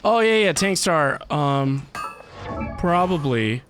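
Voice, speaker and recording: A man playing a video game on a casual livestream rambles and thinks aloud for his viewers while game music plays. He speaks slowly, with lively intonation, in a voice on the high side.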